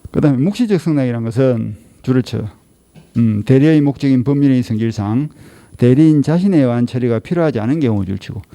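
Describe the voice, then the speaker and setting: A middle-aged male law lecturer with a Gyeongsang Korean accent and a gravelly, dark voice. He lectures for an exam-prep course. He nags his class and keeps firing rhetorical questions at them. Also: mid-range voice, fast.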